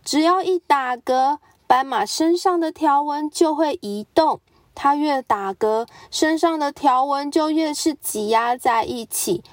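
A woman reads a children's picture book aloud in a gentle, unhurried way. Her voice sits a little high and sounds close and dry. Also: no room sound. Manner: gentle, slow and clear. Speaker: storyteller.

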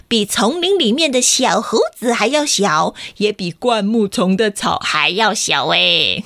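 A woman's voice: mid-range voice, fairly bright tone, no echo, clean studio sound. A woman storyteller reading a picture book aloud to children in a playful, sing-song way, often asking them questions.

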